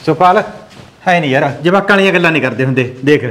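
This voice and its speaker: A man with a Malwai Punjabi accent plays a patient village husband who pleads with his angry wife and tries to calm his mother. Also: fairly high pitch, rapid-fire, natural voice. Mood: pleading. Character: soft-spoken, pleading village husband and landowner. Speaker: husband in a village family drama. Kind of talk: amateur village drama acting.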